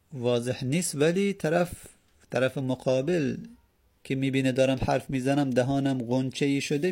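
Gravelly man teaching Arabic grammar. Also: medium pitch, a little mellow. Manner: patient, repeats words, sounds out examples slowly. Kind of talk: explaining Arabic grammar in Persian.

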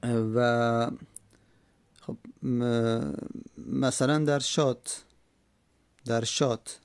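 A man explaining an Arabic grammar text in a slow, repetitive way, with many hesitations. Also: mid-range voice, a little mellow, dry recording.

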